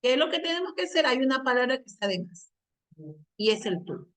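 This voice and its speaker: A woman with a high, bright voice gives a classroom grammar lesson. She explains patiently, checks in with short questions and drags out the examples she wants students to hear. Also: animated. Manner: slows down to stress quoted examples. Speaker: teacher. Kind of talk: classroom lesson on Spanish usage.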